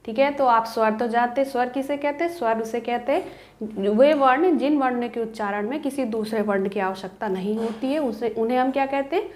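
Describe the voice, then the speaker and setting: A woman teaching a grammar lesson to students, asking the class questions and then answering them herself, and drawing out the example vowel sounds slowly. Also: a little high, darkish tone. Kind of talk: Hindi grammar lecture to students. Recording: roomy echo.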